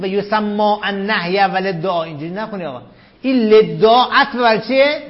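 A man teaching a grammar class. He reads quoted lines slowly and loudly, questions the students and calls them "sir" and "dear". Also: a little high, muffled recording. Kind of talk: classroom lesson, reading a text aloud and explaining it.

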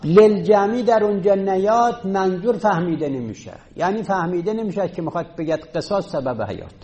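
In this classroom lecture, a male Arabic rhetoric teacher goes step by step, counts items out loud and fields questions from students. He has a high-pitched, mellow, expressive voice.

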